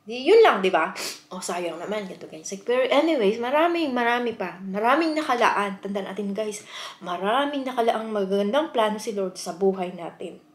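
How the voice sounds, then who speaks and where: A woman's voice: mid-range voice, expressive, brisk. A woman from the Philippines chatting heartfelt to her viewers in a casual vlog, mixing in English and often calling them "guys". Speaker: vlogger. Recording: roomy echo.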